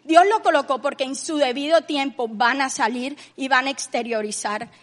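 A woman co-hosting a faith talk show, speaking earnestly and retelling a Bible story with loud, emphatic passages. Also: high-pitched, steady tone, moderate pace, big-room sound. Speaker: co-host.

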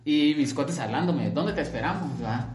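A man's voice: a little high, normal speed, a crowd in the background. Young man telling a story. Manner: animated, acts out quoted dialogue. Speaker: podcast host. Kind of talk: casual storytelling chat. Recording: roomy echo.

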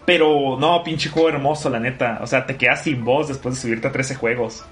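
A man's voice: medium pitch, fairly even intonation, brisk, fairly bright tone, faint music behind. A man telling a story in casual podcast chat, swearing freely. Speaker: podcast co-host.

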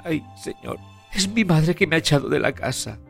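A man voicing a sweet, timid young girl in a spoken fairy tale, speaking softly. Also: fairly high pitch, moderate pace, faint music behind, voice pushed up, natural voice. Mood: tearful.

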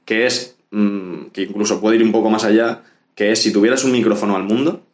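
A man's voice: fairly low pitch, steady tone, a little fast. A man from hosting a casual podcast interview, speaking informally and stumbling over his words as he rambles. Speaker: podcast host. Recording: roomy echo.

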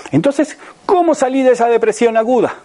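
A motivational speaker in his sixties, with a Spain Spanish accent, talks a little fast in a very high, warm, expressive voice. He keeps asking rhetorical questions of his audience and checking in with them.

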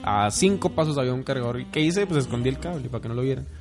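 A man's voice: medium pitch, expressive, racing. A man with a Mexican accent, telling a work story in casual chat, laughing often and acting out the customers. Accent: Mexican Spanish. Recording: music clearly playing in the background.

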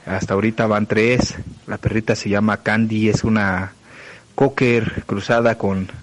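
A Mexican man sends a casual, slangy message as a listener. His voice is fairly low. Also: level tone, a little slow. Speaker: caller.

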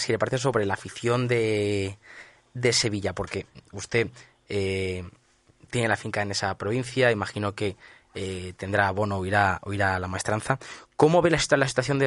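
A man's voice: lowish voice, a bit bright, dry recording. A man interviewing a guest on radio, polite and formal, with hesitant fillers.

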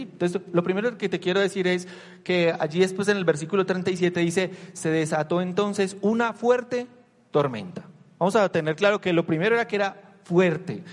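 A man with a fairly high voice preaches a conversational sermon in a church hall. The long reverb of the hall trails after his words. He talks with the congregation in an animated way and asks them rhetorical questions.

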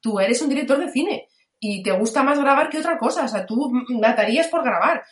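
A woman's voice: sits high, animated, a little fast. A woman giving frank, opinionated views on a film in casual conversation. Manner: frank, opinionated, retells scenes. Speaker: film podcast co-host. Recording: echoey room.

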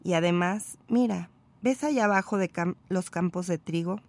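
A woman voicing a wistful, patient male fox, explaining calmly while reading a story aloud. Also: on the low side, normal speed, natural voice.

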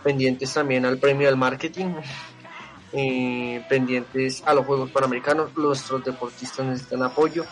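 Man, sports talk host, mid-pitched voice, casual analysis with many pauses, faint music behind. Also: steady tone. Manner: conversational, hesitant, with frequent pauses and restarts. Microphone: remote connection from home.

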